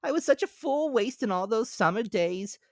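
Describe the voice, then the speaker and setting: A storyteller reads a storybook fable, voicing a carefree, flighty female grasshopper who is dismissive at first and later pitifully remorseful, sounding tearful and grateful. The lightly acted performance is pitched above her natural medium voice, with lively, sing-song intonation and exclaiming, theatrical delivery at a moderate pace. The recording is dry and studio clean.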